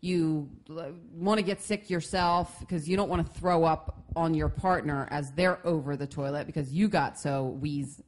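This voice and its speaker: Young woman podcast co-host, laid-back frank talk, slightly hoarse throat. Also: sits low, normal speed, few pauses. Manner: relaxed, frank, slangy. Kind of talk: casual chat.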